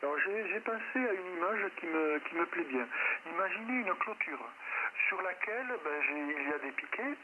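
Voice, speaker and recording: Over a shortwave radio link, an amateur radio operator gives an improvised technical lecture, didactic yet halting and self-correcting. His high-pitched voice is animated. The single-sideband transmission is narrow-band and very noisy, with loud static in the background.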